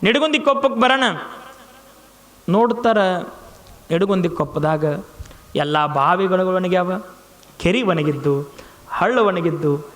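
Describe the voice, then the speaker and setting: A high-pitched man gives a devotional sermon as a story. He takes on the voices of the people in his tale, pleading and answering in turn. His words ring out with a long echo through a large hall. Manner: storytelling that acts out the villagers' pleas and the saint's replies. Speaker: preacher.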